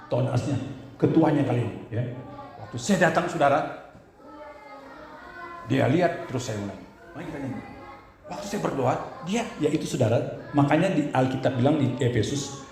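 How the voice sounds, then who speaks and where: Animated male pastor in echoey church. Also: medium pitch. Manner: animated, addresses listeners as "saudara". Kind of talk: storytelling sermon.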